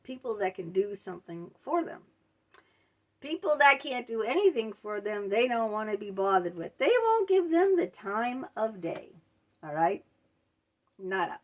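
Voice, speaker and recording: A middle-aged woman hosting a casual advice vlog, telling stories in a blunt, animated, indignant way. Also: mid-range voice, unhurried. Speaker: channel host.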